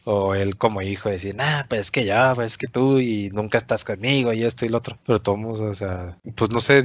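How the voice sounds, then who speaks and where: A man's voice: on the low side, no room sound. A man hosting a podcast, reflecting thoughtfully in casual speech. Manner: thoughtful, musing, casual slang. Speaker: podcast host.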